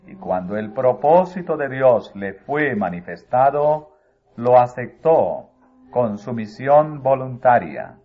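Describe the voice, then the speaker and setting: Slow, solemn male religious narrator. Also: medium pitch. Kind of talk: scripted religious book reading. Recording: phone-like narrow sound, faint music.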